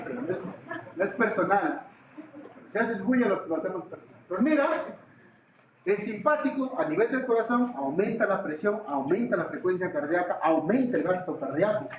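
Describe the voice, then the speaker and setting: A man teaching an anatomy class, joking and quizzing his students with quick questions. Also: sits high, a little hiss or hum. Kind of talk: classroom lecture with jokes. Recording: echoey classroom with faint ambience.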